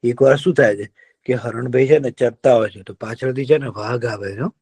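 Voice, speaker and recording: A man telling a folk tale to children in a lively, drawn-out, engaging way. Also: medium pitch, slightly rough. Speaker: storyteller for children. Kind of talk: children's storytelling.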